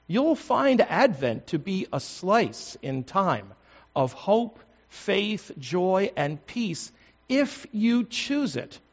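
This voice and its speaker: An older man, a pastor, preaching a sermon in a measured, deliberate way, stressing words one by one. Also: fairly high pitch, breathy edge, lo-fi sound.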